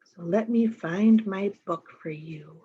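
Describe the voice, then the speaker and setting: Reading picture books to small children, a storytime reader addresses them directly with simple questions. Her medium-pitched voice is warm with a breathy edge, and she goes slowly. The recording is muffled.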